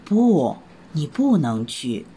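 A woman doing a soft, low mother rabbit. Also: big pitch swings, slow, slight background noise, full character voice. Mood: gentle. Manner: soothing, motherly. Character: gentle mother rabbit, caring and calm.

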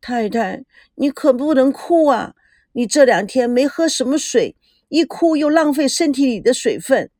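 An earnest young maid who fusses and pleads with her mistress, as a woman acts her out. Her pitch rises and falls in a lively way. The sound is dry and close-miked. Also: normal speed, no echo. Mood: fretful. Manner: pleading, fussing.

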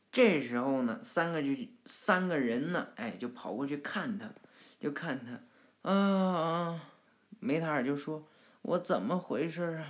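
A woman casually retelling a cartoon episode, lively with many interjections and sound effects. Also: lowish voice. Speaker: storyteller.

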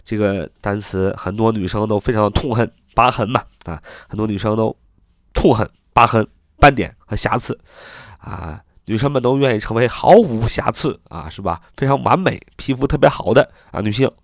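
A man's voice: on the low side, no room sound, studio quality. A man teaching English vocabulary, who repeats each word many times and spells it out letter by letter. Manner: repeats words over and over, spells letters out slowly. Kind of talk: lesson, reading and spelling words slowly.

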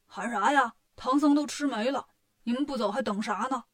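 A woman's voice: fairly high pitch, moderate pace, fairly bright tone. Woman doing a grumbling demon king. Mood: bossy. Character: grumbling male demon king, bossy and fretful.

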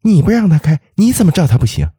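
A man raising his voice for an urgent woman doctor, high, pleading, storybook role. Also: a little fast, dark tone, slightly rough, no echo, studio quality. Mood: insistent.

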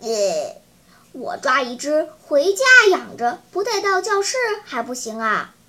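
A cheeky, curious little schoolboy, voiced by a woman storyteller, pleading in a whiny tone. The voice is high and bright, a storybook figure for children. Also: big pitch swings, a little slow, exaggerated voice.

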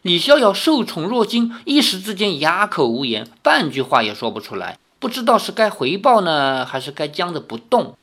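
Lively woman reading a novel aloud. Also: fairly low pitch, normal speed, hardly any pauses. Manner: expressive reading with casual asides. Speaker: storyteller.

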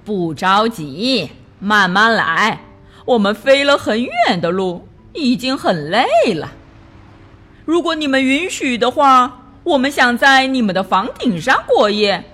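A woman voicing a polite but scheming male stork doctor in a children's storybook, drawing out his words smoothly. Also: fairly high pitch, big pitch swings, fairly bright tone, faint music behind, full character voice. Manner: drawn-out, smooth-talking.

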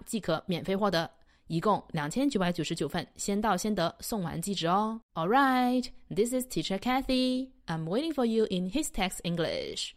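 A woman's voice: very animated, brisk. A woman teacher reading an upbeat promotional announcement at the end of a lesson. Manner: upbeat sales pitch.

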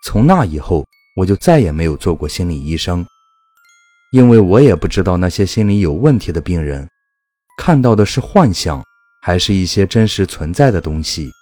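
A man narrating a first-person ghost story in a measured, calm storytelling manner. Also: low voice, dry recording, soft background music.

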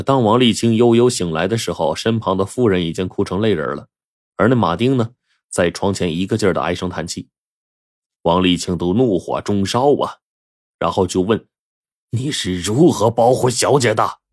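Man, storyteller, chatty narration, rhetorical questions, husky, dry close sound. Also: low voice, no room sound.

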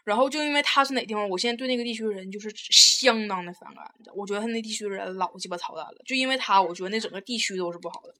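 A woman's voice: medium pitch, racing, hardly any pauses, sharp tone. A woman telling a story in casual chat, blunt and heavily profane.

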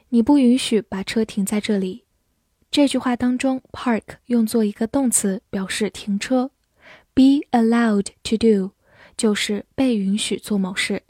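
A woman teaching English vocabulary, spelling words letter by letter and reading example sentences slowly. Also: fairly high pitch, a little mellow, no room sound, studio quality. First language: Chinese.

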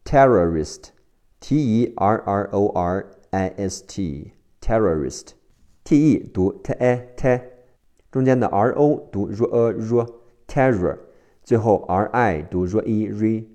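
A man teaching English vocabulary, spelling each word out letter by letter and repeating the sounds slowly. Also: on the low side, lively intonation, dark tone. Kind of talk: spelling and phonics vocabulary lesson.

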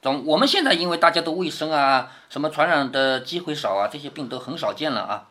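A man's voice: on the high side, expressive, fast, sharp tone. A man with a Changzhou accent reading a classic novel aloud to his daughter, stopping to explain passages and asking whether she follows. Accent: Changzhou Wu-accented Mandarin. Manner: explains passages, often adds tag questions to check understanding.

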